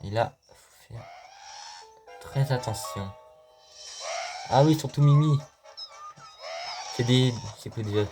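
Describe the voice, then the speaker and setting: A man's voice: mid-range voice, takes it slowly, long pauses. A man giving casual, joking gameplay commentary as a let's play host, talking to the game and viewers, with faint game music behind.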